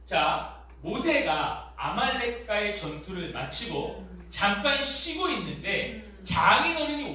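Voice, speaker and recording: An animated man preaching to middle schoolers and quizzing his listeners, his high, bright voice jumping widely. He is recorded from off the microphone in a very echoey church hall. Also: recorded from a distance, slight background noise. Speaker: youth pastor. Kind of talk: lively sermon for middle schoolers.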